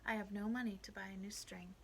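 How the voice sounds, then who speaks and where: A woman voicing a kind, poor old man in a storybook, gentle and earnest. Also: mid-range voice, steady tone, fast, a little hiss or hum, lightly acted.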